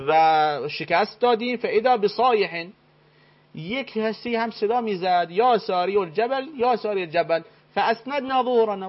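A man with a fairly high voice, debating as the show's expert and reading out old texts with firm deliberation. The sound is muffled and lo-fi, like a broadcast feed. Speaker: studio expert. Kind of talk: scholarly studio debate.

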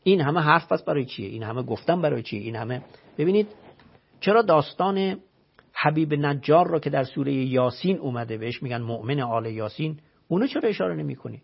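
A man's voice: on the high side, lively intonation, vocal fry, husky, dull audio. A man, a religious scholar, giving an emphatic explanatory talk full of rhetorical questions and recited scripture, heard on a radio broadcast.

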